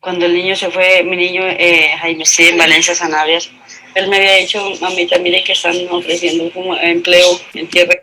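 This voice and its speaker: A woman playing a grieving mother giving halting testimony about her son in a film. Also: lowish voice, level tone, bright, forceful tone, rough recording. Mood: subdued, halting.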